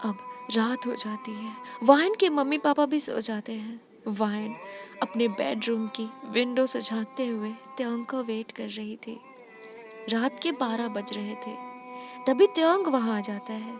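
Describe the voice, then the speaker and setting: A woman narrating a fan fiction story in a soft, hushed voice. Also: on the high side, measured pace, over music.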